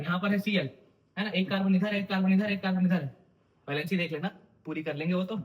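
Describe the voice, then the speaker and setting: Young male chemistry tutor, high pitched, teasing and quizzing students in an exam-prep lecture. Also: a bit bright. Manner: quizzing, repeating questions to students; teasing, informal. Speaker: chemistry teacher.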